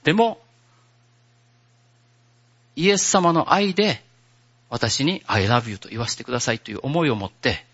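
A man preaching a sermon as pastor, in a gentle, conversational way. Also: on the high side, big pitch swings, a little slow, long pauses, husky, highs cut off.

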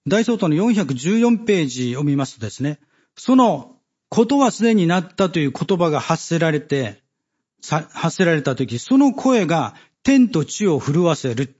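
A man giving a Bible study sermon, measured and halting with many fillers, reading scripture passages aloud. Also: a little high, sing-song, darkish tone, husky, dull audio. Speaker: preacher.

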